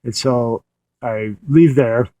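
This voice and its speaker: A man's voice: mid-range voice, steady tone, takes it slowly, warm tone, dry recording. A man recounting a dream in a casual, meandering way, often restarting his sentences, sitting in a parked car at night. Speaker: audio diarist.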